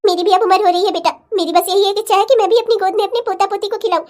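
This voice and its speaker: A woman's voice: very high-pitched, fairly even intonation, rapid-fire, darkish tone. A woman voicing a fiery older mother-in-law who scolds her daughter and then pleads with her daughter-in-law in a cartoon drama. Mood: repentant. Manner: scolding, emotional. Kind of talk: cartoon family-drama dubbing.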